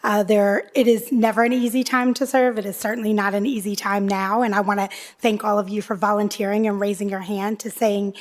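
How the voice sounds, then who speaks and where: A woman's voice: mid-range voice, level tone, a little fast, few pauses. Woman council member speaking off the cuff. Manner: conversational, with fillers. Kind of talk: unscripted meeting remarks. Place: council chamber.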